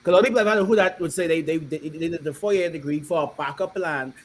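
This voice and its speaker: A man with a somewhat high voice hosts the interview, winding through long questions and restarting them. A faint hiss sits under the room ambience. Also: fast. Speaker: podcast host.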